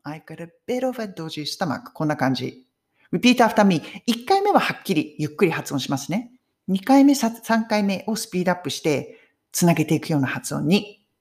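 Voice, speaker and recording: Woman teaching english phrases, super chatty, voice bounces all over, laughs a lot, slows way down for the english bits. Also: on the low side, sing-song, a little mellow. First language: Japanese. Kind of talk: casual spoken English lesson.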